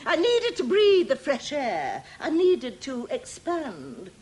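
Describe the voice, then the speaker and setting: A woman's voice: sits high, huge pitch swings, slow, very noisy, full character voice. An actress playing a snobbish, overbearing middle-aged mother, talking in a genteel, pretentious way. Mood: haughty. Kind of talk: 1980s sitcom acting.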